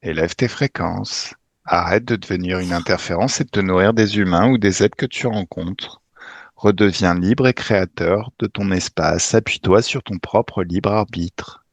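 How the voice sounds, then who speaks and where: Speaking at a moderate pace in a deep voice, this man leads a hypnosis session that takes listeners through guided regression. He is emphatic and commanding, drops in casual swearing, and the recording has no echo.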